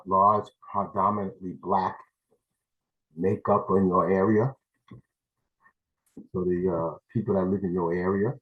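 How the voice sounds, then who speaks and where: A man's voice: sits low, dull audio. A man from New City, giving a rambling, blunt public comment over a video call as a parent. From New York City.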